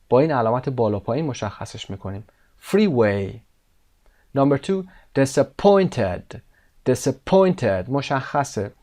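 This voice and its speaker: A man teaching English to Persian speakers, saying each word slowly and with emphasis, then explaining it quickly. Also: medium pitch, darkish tone. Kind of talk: language lesson explaining vocabulary and pronunciation.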